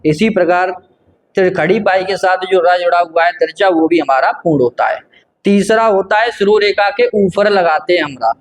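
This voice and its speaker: Male teacher, high-pitched, patient and repetitive, walking through a grammar lesson. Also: moderate pace. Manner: patient, repetitive, asks and answers his own questions. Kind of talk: grammar lesson explaining at a board.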